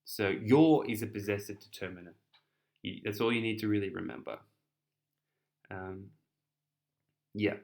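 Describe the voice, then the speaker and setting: A man's voice: lowish voice, steady tone, measured pace, gravelly, pauses often, a little mellow. A young man with an Australian accent explains an essay in a chatty, casual tutoring style, often repeating words and restarting.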